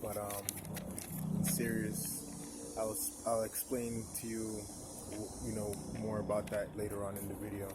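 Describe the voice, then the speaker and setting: A vlogger in his twenties delivers a personal spiritual monologue to camera, halting often, pausing and restarting as he searches for words. His low voice is monotone, barely rising or falling, while traffic and outdoor noise run clearly underneath throughout.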